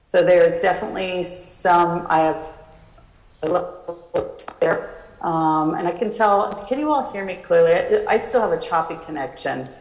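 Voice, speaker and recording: A woman speaking as a city council member over a video call, her voice choppy and breaking up as the connection drops, talking haltingly with restarts. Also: fairly low pitch, darkish tone, echoey room, poor audio. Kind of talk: remote council meeting remarks. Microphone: computer on a video call.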